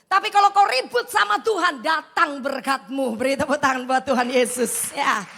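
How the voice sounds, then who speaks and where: A middle-aged woman preaches in with a tinge, her voice high and gravelly. She tells stories animatedly, acting out the dialogue. The sound rings with a long reverb from a large hall. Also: normal speed, sharp tone, a little hiss or hum. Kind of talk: sermon.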